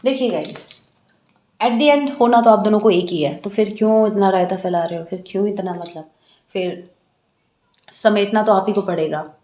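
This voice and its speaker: A woman's voice: mid-range voice, normal speed, reverberant. An Indian woman doing a casual tarot reading, chatting to viewers with a slightly sore throat. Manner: chatty, animated, addresses viewers as guys. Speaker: tarot reader.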